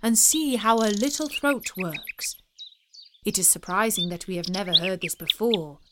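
A woman's voice: medium pitch, normal speed, a bit bright, slight background noise, close to an everyday voice. A woman voicing a pompous male lord in waiting at a royal court in a fairy tale reading. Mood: admiring.

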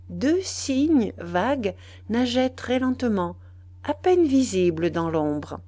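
A woman reading a novel aloud as scripted narration, measured and expressive. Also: mid-range voice, dry recording. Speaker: audiobook reader.

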